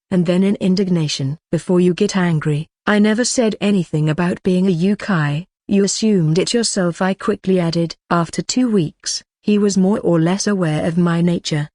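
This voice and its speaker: A woman reading a fan-fiction audiobook in an even, uninflected voice, doing every character the same way. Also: lowish voice, dry recording, clean studio sound. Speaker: audiobook narrator. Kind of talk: scripted fan-fiction narration.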